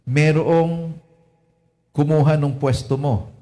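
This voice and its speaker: A man's voice: a little high, fairly even intonation, slow pace, mellow. A man with a Filipino accent preaching a Lenten sermon, mixing Tagalog and English and checking in with "no?" and "di ba?" after his points. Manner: Taglish, frequent "no?" and "di ba?" tag questions.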